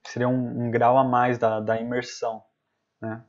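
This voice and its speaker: A man teaches in a casual live stream at an average pitch. He talks loosely, circles back over words and tags lines with quick checks for agreement. The audio is a bit dull and lo-fi. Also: monotone. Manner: casual, repeats words and adds "né?" often. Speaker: English teacher.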